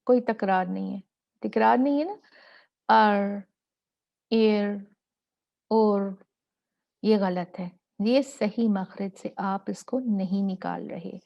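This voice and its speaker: A woman's voice: medium pitch, a little slow, gravelly, dull audio. A woman teaching a tajweed lesson step by step, patiently asking and answering her own questions and demonstrating sounds.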